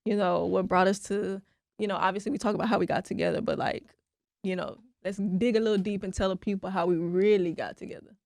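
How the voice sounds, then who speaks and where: A young woman co-hosting a casual podcast, talking enthusiastically and filling every pause with "like". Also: medium pitch, steady tone, gravelly, a little mellow, no room sound, studio quality. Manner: filler-heavy, enthusiastic, says "like" constantly. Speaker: podcast co-host. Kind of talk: casual chat.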